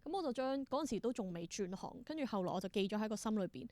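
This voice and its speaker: A theatre performer and creator with a Hong Kong Cantonese accent talks very fast as an interview guest, telling casual stories and acting out bits of dialogue. Her mid-range voice has lively intonation and a darkish tone, heard in a dry recording.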